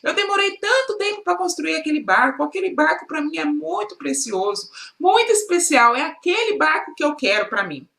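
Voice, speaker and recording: A Brazilian woman voicing a curious, excitable young boy in a children's story, her voice rising to a wail when he is upset. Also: normal speed, echoey room. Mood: distraught. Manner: high, wailing when upset.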